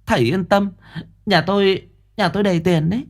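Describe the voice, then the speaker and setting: A woman's voice: medium pitch, fairly quick, pitched above the performer's own voice, close to an everyday voice. A man voicing an anxious, fawning middle-aged mother who pleads deferentially.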